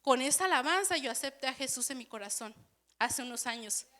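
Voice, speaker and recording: A woman's voice: high-pitched, animated, fairly quick, bright, forceful tone. A young woman sharing an earnest, emotional personal testimony in church, often repeating and restarting her words. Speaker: church speaker.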